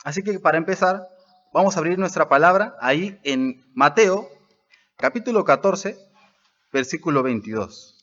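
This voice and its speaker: Man, pastor, sermon, emphatic delivery, somewhat high voice, muffled lo-fi church recording. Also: expressive, moderate pace, fairly bright tone. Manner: emphatic, rising and dropping for stress. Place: church service.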